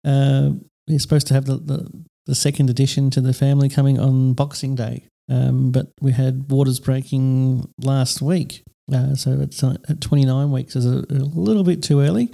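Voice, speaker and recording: A very dark, gravelly man's voice. He chats casually as a podcast co-host, relaxed and hesitant, with lots of ums and restarts. It is recorded on a studio microphone. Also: medium pitch, normal speed, hardly any pauses. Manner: relaxed, hesitant with many fillers. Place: small studio.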